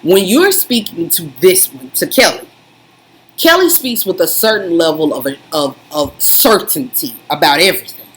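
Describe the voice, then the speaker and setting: Lively, low-voiced woman, teasing banter. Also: moderate pace. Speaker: co-host. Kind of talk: casual chat.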